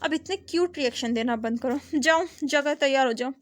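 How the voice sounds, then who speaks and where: A woman's voice: high-pitched, moderate pace, natural voice. A woman voicing a bossy but loving older sister, a young businesswoman, scolding and teasing her younger brother in a storybook retelling.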